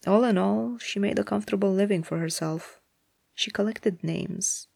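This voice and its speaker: A narrator reading a story aloud in a measured, even way. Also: medium pitch, creaky, slightly rough, no echo, studio quality.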